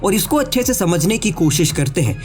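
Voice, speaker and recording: Faint music runs behind a man whose high-pitched, sing-song voice moves fairly quickly. Despite a sore throat and stuffed-up nose, he's chatting with his viewers as an anime theory YouTuber, weaving English words into a casual explainer voice-over recorded separately.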